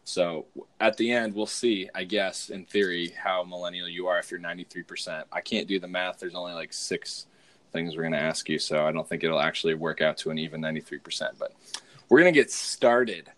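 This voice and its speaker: A man's voice: low-pitched, a little fast, fairly bright tone. An American man from the West Coast hosting a podcast in a casual, joking, conversational style. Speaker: podcast host. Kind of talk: casual joking interview chat.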